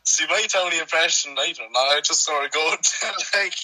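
Irish male contestant, bright and slightly high, slow, hesitant. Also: poor audio. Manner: hesitant, halting answers. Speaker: quiz contestant. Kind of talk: casual podcast quiz.

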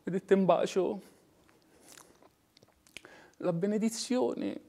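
A male actor with a high voice performs a dramatic monologue as an anguished, heated working-class son, in an old Roman Romanesco dialect accent. He takes it slowly with fairly even intonation, shifting between hushed murmurs and impassioned outbursts.

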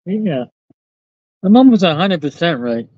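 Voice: mid-range voice, big pitch swings, unhurried, no echo. A person with a Puerto Rican accent hosting a casual live chat, playful and bantering. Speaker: livestream host. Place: live stream of an eclipse viewing. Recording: dull lo-fi livestream audio.

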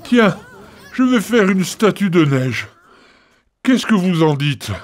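A man's voice: high voice, some chatter behind, voice pushed up, heavily acted. A man doing a hearty, jolly village carpenter. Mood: jovial. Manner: hearty, drawn-out, lively voice. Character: jolly village carpenter, middle-aged man, good-natured.

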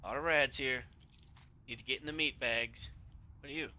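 A man's voice: medium pitch, fairly even intonation, moderate pace, bright, forceful tone. A man casually commenting while playing a video game, chatting to the characters on screen and breaking into sudden yelps and whispers. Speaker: let's play gamer.

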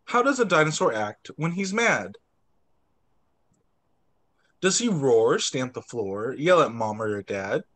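Taking it slowly with long pauses, a young man with a mid-range voice reads picture books to small children on an indoor video call. As their teacher, he reads expressively, giving the dialogue different voices and tossing in short asides.

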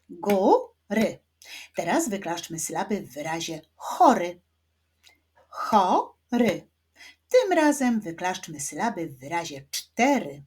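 A woman with a Polish accent teaching children to read, sounding out each syllable clearly. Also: lowish voice, darkish tone. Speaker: reading teacher. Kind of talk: children's reading lesson.

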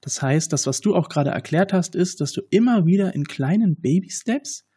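A man's voice: sits high, lively intonation, moderate pace, warm tone, breathy edge. A man hosting a podcast interview. He reacts with enthusiasm and sums up his guest's points, thinking aloud as he goes.

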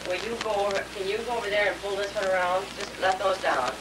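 A woman's voice: mid-range voice, steady tone, fast. A woman talking casually and giving step-by-step instructions to a child, heard on an old home video tape. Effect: old home video tape sound. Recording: noisy, echoey old camcorder tape from far off.

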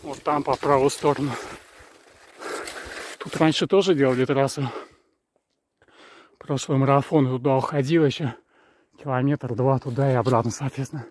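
A man chatting casually to his camera as he skis a forest trail, rambling and pausing for breath. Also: medium pitch, fairly even intonation, darkish tone, poor audio. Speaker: skier filming his training. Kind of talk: casual spoken commentary while skiing. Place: outdoors on a snowy forest ski trail. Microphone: action camera worn while skiing. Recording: wind noise on the mic. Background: wind rushing past the mic.

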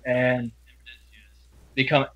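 A young man speaking earnestly as an interview guest, halting and often restarting his sentences. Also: mid-range voice, monotone. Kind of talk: personal interview talk. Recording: dull, lo-fi audio.

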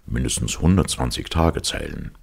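Male reader as calm captain: very low, husky, conceding. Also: normal speed, heavily acted. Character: easygoing male sea captain, yielding.

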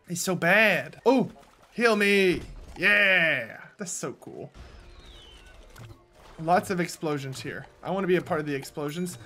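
A man giving casual, jokey commentary on his own gameplay, often breaking into loud yells at opponents. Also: high-pitched. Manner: excitable, yells at opponents, jokey self-talk. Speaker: gaming video host.

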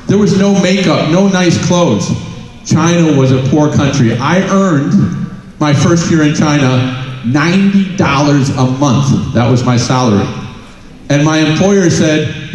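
In a very echoey conference hall, a middle-aged man speaks from the stage into a headset mic, giving a keynote full of stories and rhetorical questions. His fairly high, slightly mellow voice has lively intonation and a measured pace.

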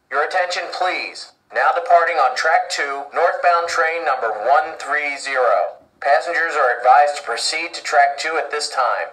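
A man delivers train station loudspeaker announcements in a formal, measured way, his voice sitting a little high. The playback comes from a model train's sound unit and rings with echo, as if heard across a station hall. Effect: train station loudspeaker announcement played from a model train's sound unit. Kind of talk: formal public address announcement.

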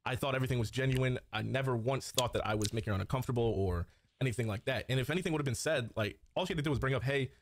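A man's voice: mid-range voice, very fast, a little hiss or hum. A man in an apology video, talking hesitantly with lots of fillers. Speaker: streamer apologizing in a clip.

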